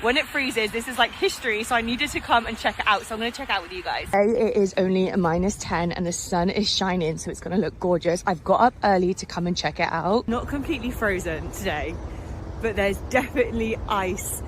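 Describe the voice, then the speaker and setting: A woman filming an excited vlog outdoors in the freezing cold, talking into her phone and exclaiming in awe. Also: medium pitch, brisk. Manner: awestruck, exclaiming. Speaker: vlogger. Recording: outdoor phone audio with wind and traffic.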